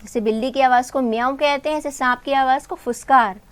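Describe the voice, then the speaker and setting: In a high, steady voice, a woman teacher briskly goes over a textbook story in Hindi for her students. She asks questions and supplies the answers, calling the students "beta" and "bhai".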